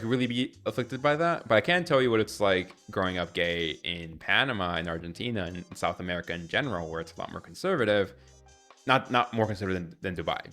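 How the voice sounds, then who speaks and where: A man's voice: low-pitched, bright, forceful tone. A young man from Ecuador chatting candidly on a live stream, rambling and correcting himself as he answers viewers. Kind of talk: casual live-stream chat.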